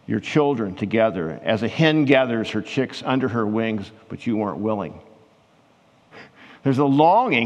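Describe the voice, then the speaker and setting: A man giving a conversational sermon as a pastor, growing animated when he retells scenes from scripture. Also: medium pitch. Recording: long hall reverb.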